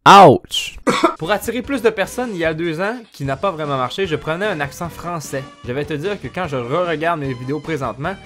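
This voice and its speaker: Animated Québécois man, slightly high voice. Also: normal speed, long pauses, faint music behind. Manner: animated, swears casually, laughs often. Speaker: YouTuber host. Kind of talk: casual vlog commentary.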